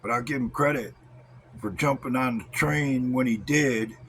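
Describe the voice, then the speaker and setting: A man's voice: mid-range voice, normal speed, fairly bright tone, a little hiss or hum. An American man delivering a blunt, scornful, coarse-mouthed rant in the style of a wrestling promo, drawing out words for emphasis.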